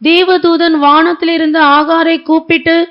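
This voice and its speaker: A woman reading scripture aloud in a steady voice during a sermon. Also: very high voice, unhurried. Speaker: scripture reader. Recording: dull lo-fi recording.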